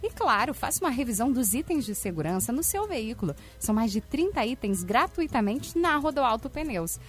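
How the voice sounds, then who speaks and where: A woman's voice: fairly high pitch, very animated, moderate pace. A woman reads radio sponsor ads as a host, in a punchy hard-sell announcing manner over music. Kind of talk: scripted radio sponsor read, promotional ad delivery.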